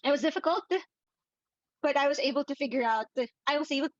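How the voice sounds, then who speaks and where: A woman's voice: sits high, fast talker, no room sound, muffled recording. A woman, a therapist guest, speaks earnestly in a casual interview with frequent fillers and light laughs. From Philippines. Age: adult with a daughter. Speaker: sex and relationships therapist, guest.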